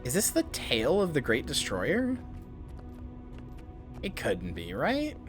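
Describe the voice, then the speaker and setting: A man's voice: mid-range voice, wildly swooping pitch, takes it slowly, over music. A man casually commenting on a game as he plays, rambling with lots of fillers and swearing. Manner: rambling, full of fillers, swears and loud outbursts. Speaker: game streamer.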